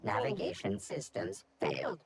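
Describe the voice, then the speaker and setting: An actor playing a calm automated repair machine in a video game, giving flat, measured announcements. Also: male voice, fairly low pitch. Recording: noisy game audio capture.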